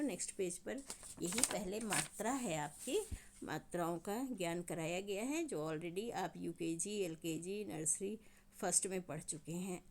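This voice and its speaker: Patient woman teaching children grammar. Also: mid-range voice. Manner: patient, explains step by step to children. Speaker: school teacher. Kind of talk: online Hindi grammar lesson.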